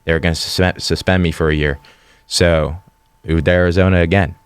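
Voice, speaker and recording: A young man in his twenties from western Pennsylvania, a podcast guest talking about himself in a matter-of-fact way. His voice is very low and flat but smooth and clear, and the recording is dry and close. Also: a little fast, dry recording. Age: 20s. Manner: plain, matter-of-fact storytelling. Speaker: guest, fighter. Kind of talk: casual interview.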